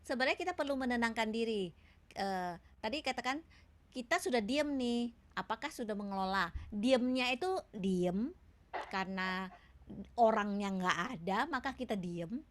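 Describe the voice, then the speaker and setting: A woman's voice: fairly high pitch, animated, normal speed. A woman giving a webinar talk, patiently answering questions with many hesitations and tag questions. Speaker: seminar speaker. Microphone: video call.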